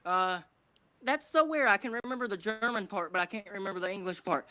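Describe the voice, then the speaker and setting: A man's voice: sits high, brisk, a crowd in the background. A nineteen-year-old man, chatting casually and self-deprecatingly on a livestream, often repeating his phrases. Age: teens. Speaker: guest streamer.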